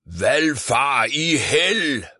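A man voicing a loud, boastful middle-aged viking uncle who bellows, in a storybook reading. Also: sing-song, gravelly, no echo, clean studio sound, heavily acted. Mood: roaring. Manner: bellowing, booming.

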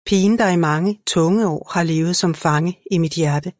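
Woman narrator, low voice, dry close sound, measured audiobook reading. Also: dry recording. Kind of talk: scripted narration.

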